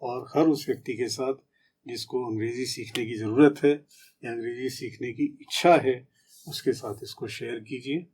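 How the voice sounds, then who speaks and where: A man's voice: medium pitch, steady tone, normal speed, darkish tone, breathy edge. A middle-aged man teaching a casual spoken lesson, often checking in with his listeners and acting out everyday commands in example voices. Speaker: English teacher.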